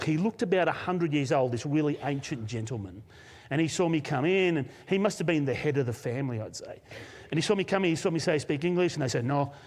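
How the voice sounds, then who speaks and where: Aussie pastor guy, bit high voice, storytelling sermon, laughs a lot, big hall echo. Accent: Australian. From Australia. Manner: animated storyteller, laughs often. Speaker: senior pastor. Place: church auditorium, live service. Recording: long hall reverb.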